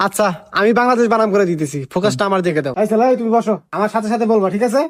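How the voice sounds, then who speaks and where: A man's voice: high voice, expressive, racing. A man playing a bragging know-nothing tutor. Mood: indignant. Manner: pompous, blustering, stumbles over words. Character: boastful, ignorant male private tutor. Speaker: comedic skit actor. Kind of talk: comedy skit acting.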